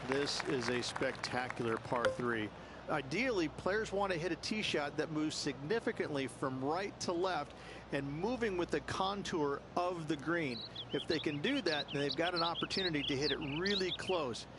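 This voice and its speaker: A man's voice: a little high, lively intonation, normal speed. Male golf commentator analysing, noisy outdoor backdrop. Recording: outdoor noise and crowd. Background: crowd and outdoor ambience.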